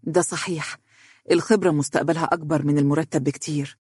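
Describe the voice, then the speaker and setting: The narrator voicing an earnest young woman co-worker who talks quickly, in Egyptian Arabic. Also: medium pitch, fairly even intonation, darkish tone, slightly rough, dry recording, clean studio sound, lightly acted.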